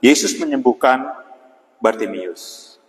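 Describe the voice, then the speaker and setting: A man's voice: mid-range voice, lively intonation. Man preaching an evening devotional, reverberant. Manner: unhurried, with frequent "ya" and pauses. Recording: long hall reverb.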